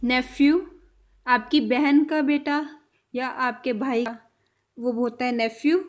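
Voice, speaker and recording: A language teacher leads a vocabulary lesson, saying each word and then repeating it. Her voice sits high and steady and she speaks slowly, softly trailing off at the end of each phrase.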